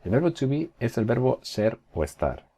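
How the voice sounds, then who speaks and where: A male teacher giving a recorded class, patiently explaining and slowly modeling example phrases, often checking in with his students. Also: medium pitch, sing-song, dark tone, slightly rough. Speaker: English teacher.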